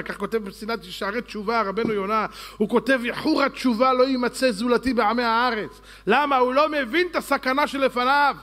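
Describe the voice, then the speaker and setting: High-voiced man preaching with scolding questions. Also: pushed and bright. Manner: fiery, scolding rhetorical questions; mocking, sarcastic asides. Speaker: rabbi. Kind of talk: Torah lecture sermon.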